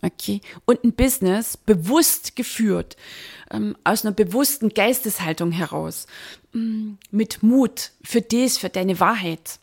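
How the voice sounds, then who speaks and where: A woman coach speaking straight to the listener in a motivational podcast monologue, emphatic and exhorting, stressing key words, with a husky, creaky voice. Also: mid-range voice, a little slow. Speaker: business mindset coach, podcast host.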